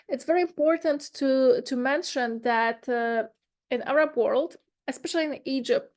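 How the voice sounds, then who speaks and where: A woman from Poland, giving an academic conference presentation in a hesitant way with many pauses and fillers. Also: high voice.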